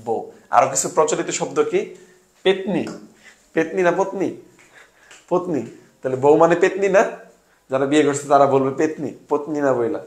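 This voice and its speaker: Young man, from Bangladesh, tutor, casual exam class, asks and answers his own questions, mixes in English words, slightly high voice, echoey room. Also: animated, normal speed, long pauses, a little mellow. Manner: informal, asks questions and answers them himself. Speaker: admission test tutor.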